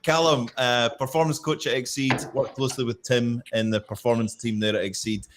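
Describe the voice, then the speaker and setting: A man in the host's chair of a live-streamed industry chat. His voice sits at a middling pitch and his questions come out upbeat and friendly. A faint background noise runs under the recording. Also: level tone, a little fast. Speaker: host.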